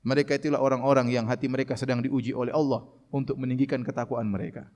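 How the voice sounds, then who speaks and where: A man giving an animated sermon on Quranic commentary, reciting Arabic verses slowly and raising his voice to mimic people shouting. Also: medium pitch. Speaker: preacher. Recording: long hall reverb.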